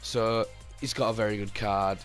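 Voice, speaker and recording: At a moderate pace, a low-voiced, slightly hoarse man hosting a gaming channel goes over his team casually. His very flat delivery wanders, full of fillers, restarts and circling back, while faint music plays beneath.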